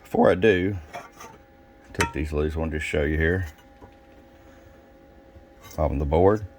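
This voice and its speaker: A very deep, slightly mellow male voice speaks at a measured pace. He's a plain-spoken, folksy radio shop technician and presenter, running a casual, off-the-cuff hands-on product demo at his indoor radio workbench.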